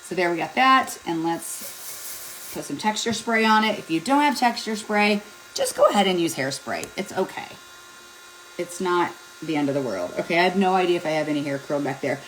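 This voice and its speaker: A middle-aged woman talks through a hair styling tutorial at home, her voice sitting low for a woman. She rambles with fillers and pokes fun at herself, in an easy, chatty manner, with a faint hum in the room. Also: big pitch swings, normal speed, a bit bright, low-quality recording. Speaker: beauty vlogger. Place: home, at a mirror.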